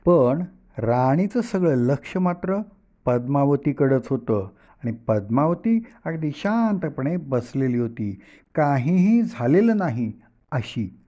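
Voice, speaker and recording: A man telling a devotional story in a lively, dramatic way, with asides to his listeners. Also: mid-range voice, takes it slowly. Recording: dull lo-fi recording.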